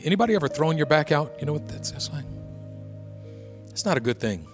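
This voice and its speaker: A male pastor delivers a sermon in an average-pitched voice, easing into a chatty, funny story before pressing his point with urgency. Soft music plays faintly under him. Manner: conversational, humorous storyteller who builds to urgent exhortation.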